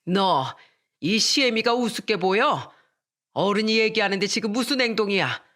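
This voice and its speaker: A storyteller voicing an angry middle-aged mother-in-law who scolds her daughter-in-law in a raised, shrill voice. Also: natural voice. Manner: shrill and scolding, rising louder.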